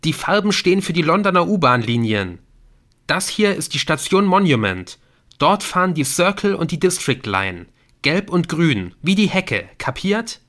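A man voicing an excited, clever teenage boy in a German audiobook, blurting out his discovery. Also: medium pitch, moderate pace, voice pushed up, close to an everyday voice.

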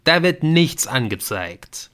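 A man doing an excitable, brash young man. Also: on the high side, slow, smooth, voice pushed up, exaggerated voice. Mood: insistent. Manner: urgent, emphatic, a little brash.

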